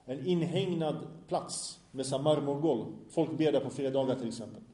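A man's voice: medium pitch, warm tone, roomy sound. A man teaching a religious lesson to a class in a small room, asking the students questions and then answering them himself. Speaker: Islamic teacher. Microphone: microphone in a small room.

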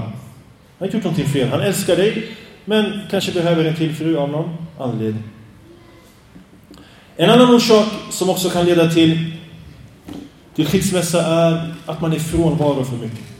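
Man preaching a lecture, earnest, scolds a lot, kinda high voice, far off mic with echo. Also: darkish tone. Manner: earnest, admonishing, rhetorical questions. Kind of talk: Islamic lecture on marriage. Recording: roomy sound, distant mic.

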